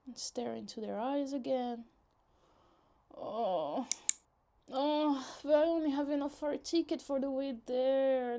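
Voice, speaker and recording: In a roleplay ASMR, a woman plays a possessive, lovesick yandere young woman, teasing, pouty and dramatic in casual, conversational speech. The mood is pining and obsessive. Her voice is high and creaky, with a dark tone.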